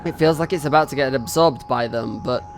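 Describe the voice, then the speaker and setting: A man with a mid-range voice reads a visual novel aloud in the first person, slowly and expressively, rising into anxious cries. A little background noise can be heard.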